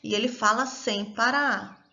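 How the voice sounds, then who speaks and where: A woman giving a calm, explanatory self-development lesson, often checking in with a questioning tag. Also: fairly high pitch, unhurried, creaky, lo-fi sound, a little hiss or hum. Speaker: course teacher.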